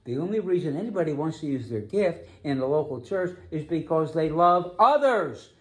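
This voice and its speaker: A man preaching a sermon as pastor, emphatic, slowing down to stress key phrases. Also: on the high side, animated.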